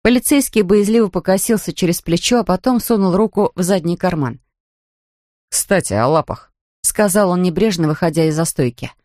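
Calm male audiobook narrator. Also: high-pitched, fairly quick, few pauses, no echo, studio quality.

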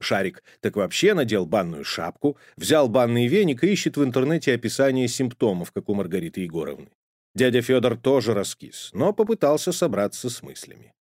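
A man narrating a children's story in an expressive, lively reading. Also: mid-range voice, fairly quick, no room sound, studio quality.

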